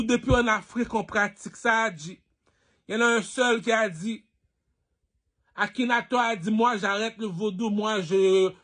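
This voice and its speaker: High-voiced man ranting in a monologue. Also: fairly bright tone. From Haiti. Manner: preachy, repetitive, rhetorical questions to listeners. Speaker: online personality. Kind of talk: rambling monologue.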